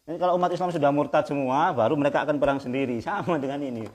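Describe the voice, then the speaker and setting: A man preaching a Quran exegesis lecture in a conversational way, often checking with his listeners and chanting verses slowly. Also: on the high side. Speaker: Islamic preacher. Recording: hall with long reverb.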